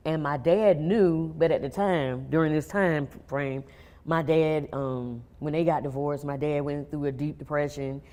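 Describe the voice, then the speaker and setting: A woman guest tells her story on a talk show, speaking quietly and haltingly. Her voice is low and mellow. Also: fairly even intonation. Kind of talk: personal testimony interview.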